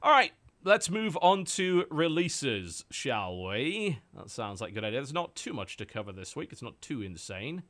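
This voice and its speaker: Male podcast host, casual and sardonic, forward bright tone, very animated pitch. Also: moderate pace, few pauses. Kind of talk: casual chat.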